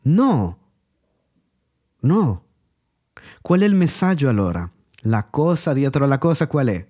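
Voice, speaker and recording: A man's voice: medium pitch, very animated, slow, warm tone. A man preaching a sermon, reading verses aloud and firing rhetorical questions at his listeners. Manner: expounds scripture passionately, asks rhetorical questions; addresses listeners directly, reads verses aloud.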